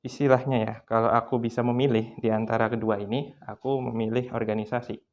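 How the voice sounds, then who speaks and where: A twenty-one-year-old man, a student guest, speaking thoughtfully with pauses and fillers. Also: mid-range voice, little pitch movement, darkish tone, lo-fi sound, slight background noise. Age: young adult.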